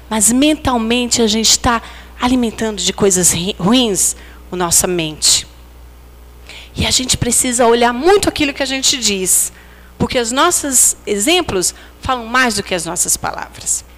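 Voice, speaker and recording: A woman's voice: a little high, animated, moderate pace, a bit bright. Brazilian woman lecturing in an echoing hall. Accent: Brazilian Portuguese. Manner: conversational, asks the audience for agreement. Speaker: speaker at a spiritist center. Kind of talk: religious lecture. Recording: hall reverb.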